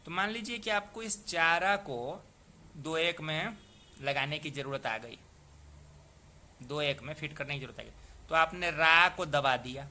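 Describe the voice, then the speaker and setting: Male tutor, young adult, bright cutting tone, patient and methodical, sounds words out slowly. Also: fairly high pitch, slight background noise. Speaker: poetry meter teacher. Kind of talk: explanatory lesson.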